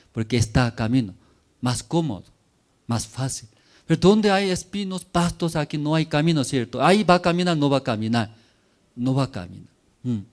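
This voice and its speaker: A man preaching a sermon in a church, in simple broken phrases, constantly checking in with his listeners through short tag questions. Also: fairly high pitch.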